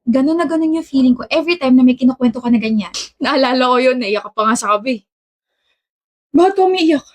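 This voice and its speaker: A woman performs both sides of a romantic skit, her delivery playful and teasing as she slips English phrases into Tagalog. Her voice sits somewhat high. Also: fairly even intonation, fast talker. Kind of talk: acted romantic skit dialogue.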